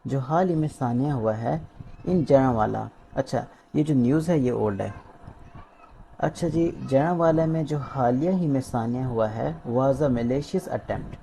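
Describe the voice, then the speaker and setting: Pakistani male teacher, husky and mellow. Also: mid-range voice. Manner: reads English phrases slowly, then explains them in Urdu. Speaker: English teacher. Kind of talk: vocabulary lesson explaining newspaper English.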